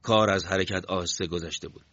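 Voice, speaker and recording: Low-voiced male audiobook narrator. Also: no echo. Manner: steady, measured literary reading. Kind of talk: scripted narration. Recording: dull, lo-fi dry sound.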